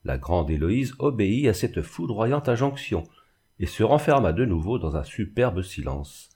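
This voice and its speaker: A man narrating a classic novel in an expressive, dramatic reading. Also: lowish voice, normal speed, breathy edge. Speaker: audiobook narrator. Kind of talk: literary reading.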